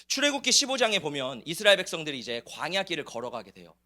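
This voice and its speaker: Male pastor, church sermon, high voice, bright tone. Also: fast. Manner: animated preaching with rhetorical questions. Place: church sanctuary.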